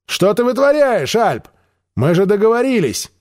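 A man voicing a fierce, commanding young nomad woman, calling out loudly in an audiobook reading. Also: high-pitched, very animated, normal speed, pitched above the performer's own voice. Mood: angry. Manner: shouting across distance.

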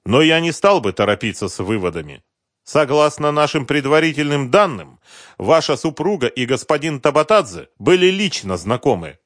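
A man voicing a police investigator who speaks in a dry, measured way, holding back anger. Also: on the high side, sing-song, fairly bright tone, no room sound, voice pushed up. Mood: restrained.

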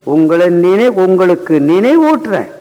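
A man's voice: high-pitched, big pitch swings, measured pace, warm tone. A man in his seventies giving a music lecture-demonstration, telling stories and constantly putting rhetorical questions to his audience. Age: 70s. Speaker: Carnatic singer and lecturer. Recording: long hall reverb.

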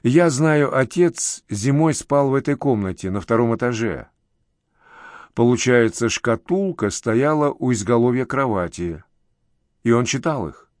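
A man voicing a grieving older uncle, halting and emotional in an audiobook. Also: mid-range voice, lively intonation, a little mellow, no room sound, studio quality, natural voice. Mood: wistful.

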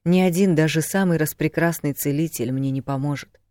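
Audiobook werewolf, wry and gentle, low-key, dry close read, a man doing him. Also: a little fast, dry recording, close to an everyday voice. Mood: calm. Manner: dry, self-mocking, soft. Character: calm adult male werewolf, wry and gentle. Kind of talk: audiobook reading.

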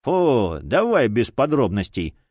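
A man doing a gruff, brutish champion. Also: medium pitch, big pitch swings, unhurried, a little mellow, dry recording. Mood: threatening. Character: brutish greedy male arena champion.

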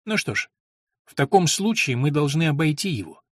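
A man's voice: fairly high pitch, sing-song, normal speed, a bit bright, no echo, studio quality. A man voicing a calculating, commanding noblewoman who coaches her son, in a firm, instructive manner. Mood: scheming.

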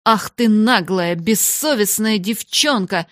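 A woman voicing a harsh adult schoolmistress who scolds and shouts furiously at a servant girl, in a storybook reading. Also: medium pitch, slow pace, no echo, clean studio sound, lightly acted.

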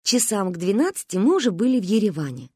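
A woman reading a children's story aloud in an expressive, lively storybook narration. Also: mid-range voice, quick pace, slightly rough, dry recording, clean studio sound. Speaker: audiobook reader.

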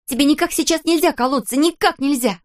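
Woman voicing a furious teenage girl, shrill. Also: fast talker, natural voice. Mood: urgent. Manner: shouting, sharp.

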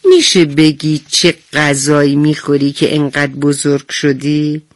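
A woman's voice: sits low, dry recording, lightly acted. Woman voicing an eager little frog. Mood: eager, curious. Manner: eager, questioning.

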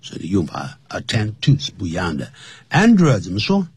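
A man's voice: deep voice, wildly swooping pitch, normal speed, a little mellow, slightly rough, dry recording. A man co-hosting a radio English lesson, explaining words and usage patiently. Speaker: English teacher, radio co-host. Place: radio studio.

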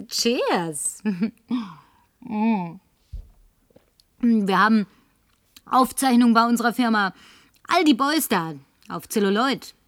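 In a German radio play, an actress voices a tipsy, flirtatious career woman who is insistent and demanding, murmuring breathily with coquettish, languid phrasing. She speaks in a mid-range voice, extremely slowly and with frequent pauses. The recording is studio quality with no room sound.

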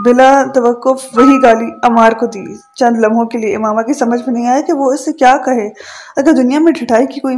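A woman reading a novel aloud in a steady, even storytelling voice. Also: fairly high pitch. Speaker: audiobook narrator. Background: faint background music.

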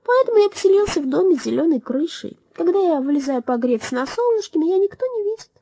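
A woman voicing a gentle, earnest green mouse in a storybook, speaking in an explanatory way. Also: very high-pitched, big pitch swings, fast talker, dry recording, pitched above the performer's own voice, exaggerated voice.

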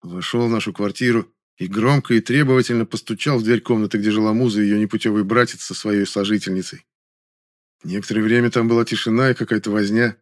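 A man calmly narrating an audiobook in the first person, in a measured way. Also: on the low side, dry recording, clean studio sound.

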